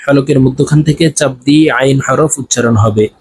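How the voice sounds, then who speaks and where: A man teaching Arabic letter sounds, chanting each syllable in a slow, drawn-out drill and pausing to explain how to pronounce them. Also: medium pitch, vocal fry, darkish tone, a little hiss or hum. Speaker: Quran reading teacher.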